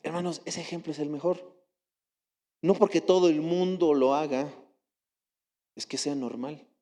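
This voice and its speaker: Bolivian guy preaching, mellow voice kinda high, long church echo. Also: measured pace. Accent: Bolivian Spanish. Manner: storytelling with rhetorical questions, animated quotes. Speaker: lay preacher. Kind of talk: sermon. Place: church hall.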